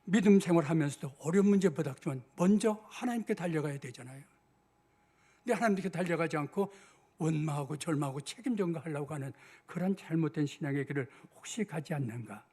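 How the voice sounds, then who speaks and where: A man's voice: a little high, fast talker, mellow, breathy edge. An older man, a senior pastor, preaching a sermon in church and acting out biblical dialogue in a conversational way. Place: church sanctuary.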